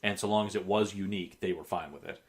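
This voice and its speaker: A man's voice: low-pitched, quick pace. A man co-hosting a casual podcast, talking in a dry, teasing way. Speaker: podcast co-host.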